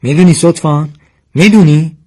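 A man's voice: mid-range voice, husky, close to an everyday voice. Man doing a hot-tempered village man. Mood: angry. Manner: accusing, shouts at times.

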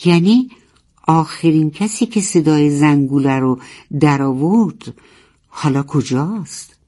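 A storyteller voicing a young male narwhal, curious and fearful, in a higher, plaintive tone. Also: warm tone, lightly acted. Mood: wondering.

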